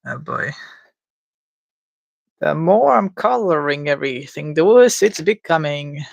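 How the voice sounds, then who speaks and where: Streamer, mid-pitched, dry close sound, casual thinking-aloud commentary, unsure and self-mocking. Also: lively intonation, measured pace, creaky, no echo. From Latvia. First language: Latvian. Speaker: livestreamer. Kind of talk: casual commentary while drawing live.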